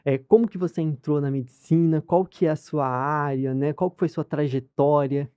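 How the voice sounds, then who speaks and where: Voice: mid-range voice, fairly even intonation, normal speed, warm tone, smooth, no echo, clean studio sound. A podcast host interviewing a guest casually, speaking informally with lots of "tipo assim" and "né".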